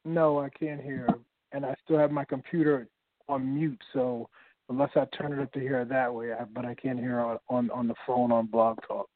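A man's voice: medium pitch, little pitch movement, normal speed, dry recording. A man calling in over a thin phone line, repeating himself as he checks what he can hear. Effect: thin phone-line sound. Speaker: caller testing a phone connection. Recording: tinny dry phone line.

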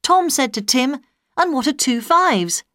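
A woman's voice: sits high, expressive, slow pace, fairly bright tone, no room sound, studio quality. A woman reading a short practice rhyme aloud for English learners in a sing-song, exaggerated way. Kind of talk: slow read-aloud of a tongue-twister rhyme.

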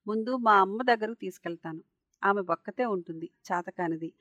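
A woman voicing a kind, affectionate lawyer and social worker in a told story, speaking gently. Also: medium pitch, fairly quick, no room sound, natural voice. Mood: gentle.

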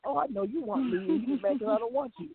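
A man's voice: extremely high pitch, quick pace, slightly rough, dry recording. A man in his sixties hosting a casual call-in radio chat, laughing easily and stumbling over repeated words. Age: 60s. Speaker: radio show host. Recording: phone-line call-in audio.

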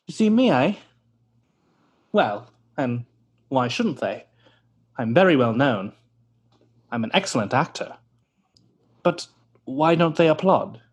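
A man's voice: mid-range voice, sing-song, takes it slowly, long pauses, breathy edge, full character voice. An actor playing a vain, pompous male stage actor who talks theatrically and scoffs, in an old-time radio drama.

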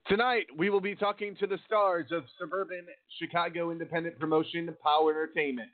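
Through a thin, phone-like connection comes a man hosting a live wrestling talk show on internet radio. His voice sits a bit on the high side. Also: steady tone, fast talker.

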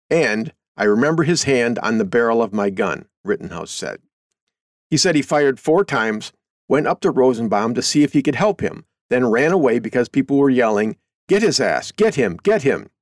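A man's voice: mid-range voice, animated, moderate pace, dry recording, studio quality. A middle-aged man hosting a show, reading a news article aloud and commenting on it in a folksy, conversational way. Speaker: host.

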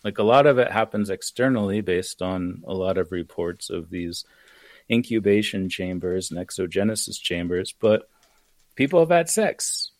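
Low-voiced American man explaining at length. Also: animated, moderate pace, darkish tone, no room sound. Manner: thoughtful, rambling explanations with fillers. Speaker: author and guest. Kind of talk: casual podcast conversation.

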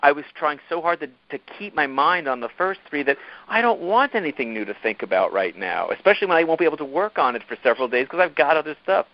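A man, a team-building coach, telling stories animatedly as an interview guest, often jumping up in pitch for emphasis. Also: expressive, fast talker, highs cut off. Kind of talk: interview storytelling.

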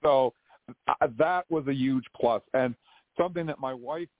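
A man's voice: mid-range voice, a little slow, no room sound. An American man hosting a live call-in fan podcast with a folksy showman's way of presenting. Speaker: podcast host. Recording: dry, narrow phone-like podcast audio.

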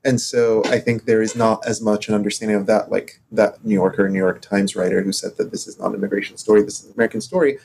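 A man from Morocco co-hosting a casual podcast discussion, talking in halting stops and starts with many fillers. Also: fairly low pitch, fairly even intonation, gravelly, a little mellow, a little hiss or hum. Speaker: podcast co-host.

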